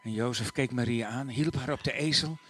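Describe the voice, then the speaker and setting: A man telling a story to listeners in an animated way, acting out the characters. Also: mid-range voice, brisk, slightly rough. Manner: animated, acts out the voices.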